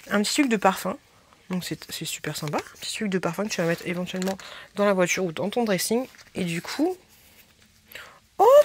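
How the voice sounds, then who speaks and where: A woman chatting casually as she unboxes a beauty haul, gushing and excited over each little item. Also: mid-range voice, slight background noise. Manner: gushing, excitable, squeals over small items.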